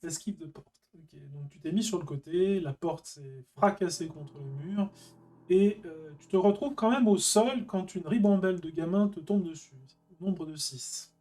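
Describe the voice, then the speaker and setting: A game master explaining rules and narrating a tabletop scene in a halting way, with many filler sounds. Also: medium pitch, warm tone. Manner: hesitant, frequent filler sounds.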